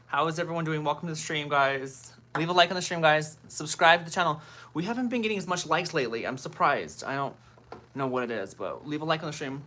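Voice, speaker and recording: A woman in her thirties chats on a casual livestream from her home, greeting each commenter by name while putting on makeup. The voice is low-pitched, fast and a bit bright, over a little hiss or hum.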